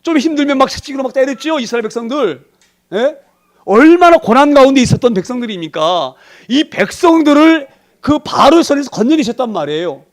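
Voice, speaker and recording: Male preacher, high-pitched voice, folksy sermon, rhetorical questions, loud bursts and quiet asides. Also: sing-song, brisk. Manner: colloquial, full of rhetorical questions to the congregation; swings between emphatic bursts and quiet asides. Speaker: pastor.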